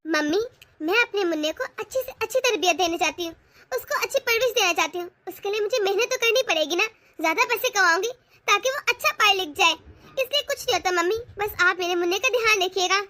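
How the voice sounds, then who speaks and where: A woman's voice: very high-pitched, expressive, a little fast, bright, forceful tone, dry recording, full character voice. A woman doing an earnest young daughter-in-law. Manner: earnest, pleading. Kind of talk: cartoon voice acting.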